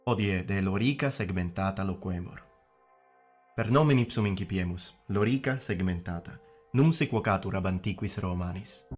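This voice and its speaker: Deep-voiced man, formal presenter, faint background music. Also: normal speed. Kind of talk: scripted video presentation. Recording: clip with music behind.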